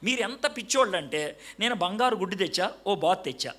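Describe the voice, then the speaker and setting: A man's voice: high voice, animated, fairly quick, a bit bright. A middle-aged male evangelist preaching a sermon. He acts out little dialogues and mixes in English phrases.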